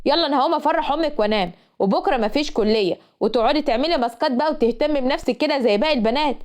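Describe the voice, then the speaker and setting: A woman's voice: sits high, rapid-fire, darkish tone, natural voice. Woman playing a stern bossy Egyptian dad. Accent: Egyptian Arabic. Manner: firm, scolding. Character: stern middle-aged father, bossy.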